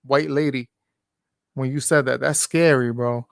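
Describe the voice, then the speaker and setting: A young man co-hosting a podcast, reacting in excitable, slangy chat and calling his friend "bro". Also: medium pitch, a little slow, gravelly, no room sound, studio quality. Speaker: podcast co-host. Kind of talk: casual chat.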